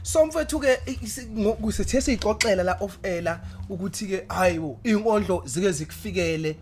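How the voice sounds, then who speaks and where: A man's voice: sits high, normal speed, a little mellow. A man with a Zulu accent hosting a casual interview, repeating phrases for emphasis. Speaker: interviewer, host. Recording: faint background noise.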